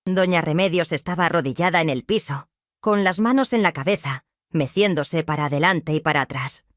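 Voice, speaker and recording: A woman narrating a first-person dramatic story in a hushed, suspenseful, emotional way. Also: sits low, brisk, no room sound, clean studio sound.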